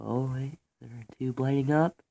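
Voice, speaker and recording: With a warm, creaky, medium-pitched voice, this American man keeps a steady tone and moderate pace while casually showing off a vintage radio as a hobbyist. His handheld phone recording is noisy and full of clicks.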